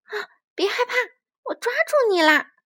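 A woman's voice: very high voice, animated, normal speed, a bit bright, no room sound, clean studio sound, voice pushed up. A woman voicing a kind, brave little hedgehog, eager and cheerful, in a storybook reading. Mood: urgent.

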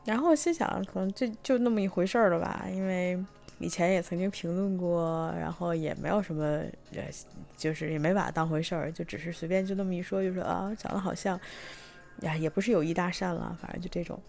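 A young woman from Tianjin, chatting through a personal story with many fillers and restarts, sometimes bursting with excitement. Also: lowish voice, fairly quick, vocal fry, faint music behind. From Tianjin, China. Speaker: vlogger telling a personal story. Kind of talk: casual storytelling monologue.

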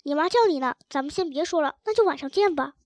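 Storybook part: a gentle, timid young girl read by a woman, high and soft. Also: lively intonation, fast talker, no echo, studio quality.

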